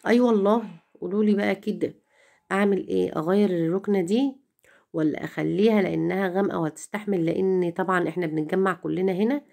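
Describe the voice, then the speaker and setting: A woman's voice: fairly low pitch, quick pace, creaky, mellow. A middle-aged Egyptian woman chatting to viewers in a home vlog, complaining and repeating herself as she talks. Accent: Egyptian Arabic. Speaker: home vlogger.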